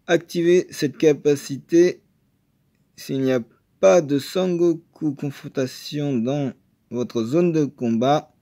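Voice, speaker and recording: A man chatting casually while opening trading card boosters, excitable and full of hesitations. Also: on the high side. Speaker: card game video maker.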